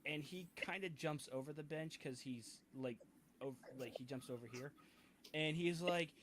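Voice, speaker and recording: A man narrating a tabletop game as game master, halting and full of fillers and restarts. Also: mid-range voice, fairly bright tone, a little hiss or hum. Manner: hesitant, many fillers and restarts.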